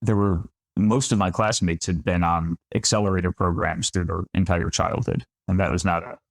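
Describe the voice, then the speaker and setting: A winemaker in his thirties from the Finger Lakes region of upstate New York is a guest on a conversational podcast interview, chatting self-deprecatingly with frequent restarts. His deep, gravelly voice is steady and moderately paced. The recording is dry with clean studio sound.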